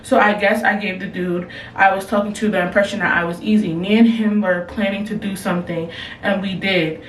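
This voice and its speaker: Reading out submissions in a brisk, mid-range voice, the young vlogger offers casual, no-nonsense advice laced with slang and lively reactions. She's in a room at home, captured by a camera and then a phone. She sounds distant, with a roomy tone and a little hiss or hum.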